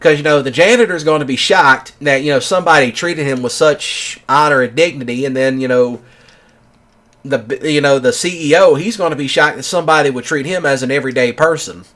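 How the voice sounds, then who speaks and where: A man's voice: a little high, brisk, fairly bright tone. A man in his thirties telling a long personal story in a casual monologue, rambling with lots of fillers. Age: 30s. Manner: rambling, filler-heavy with many "you know"s. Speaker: gaming channel host.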